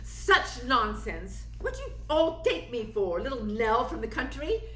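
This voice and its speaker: Radio play: actress as an imperious, sharp-tongued stage diva past her youth, bright and piercing, in an echoey room. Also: on the high side, sing-song, measured pace. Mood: indignant. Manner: theatrical, sarcastic, cutting. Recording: roomy, echoey sound.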